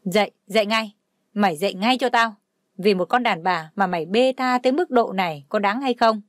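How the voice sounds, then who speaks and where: A woman's voice: mid-range voice, moderate pace, no room sound, clean studio sound, lightly acted. Woman doing a stern, barking father. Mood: angry. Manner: barking orders. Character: stern angry father, harsh and commanding.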